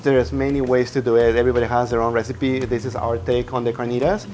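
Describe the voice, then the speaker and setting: A man's voice: mid-range voice, little pitch movement, fast, darkish tone, slight background noise. A man from Mexico, a chef and restaurant owner, chatting casually and explaining each step as he cooks at a grill in a kitchen. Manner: explains steps while cooking at the grill. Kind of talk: casual cooking chat.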